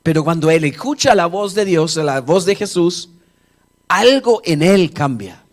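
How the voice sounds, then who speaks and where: A man, a pastor, delivers a lively, storytelling sermon in a church. His voice sits a little higher than most men's. He acts out scenes and chats easily with the congregation. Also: measured pace. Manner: animated storytelling, acting out Bible dialogue; conversational, jokes with the congregation. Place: church service before a congregation.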